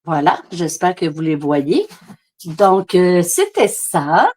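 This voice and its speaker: A woman's voice: on the low side, big pitch swings, slow pace, a little mellow, slight background noise. A woman with a Québécois French accent, demonstrating card making in a casual, rambling live chat full of fillers. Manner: chatty, rambling, many fillers. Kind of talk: casual live craft demo. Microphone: phone camera.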